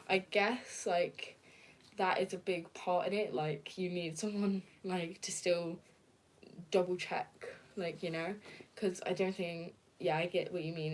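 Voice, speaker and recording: Soft-spoken young woman chatting on a livestream. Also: on the low side, a little hiss or hum. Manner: soft, hesitant, many fillers, giggly. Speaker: livestreamer reading viewer comments. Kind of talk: casual live-stream chat.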